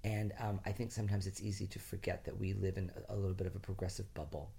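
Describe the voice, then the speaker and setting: A man from Rhode Island talks casually but emphatically, often repeating phrases as he builds an argument. His low, dark voice has little pitch movement and some vocal fry, and he talks fast.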